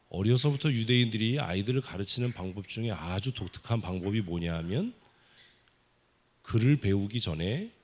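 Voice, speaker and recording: A man preaching a children's sermon at a summer Bible school service in a church, playfully teasing and quizzing the kids with quick questions. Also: on the low side. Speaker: pastor. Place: church sanctuary.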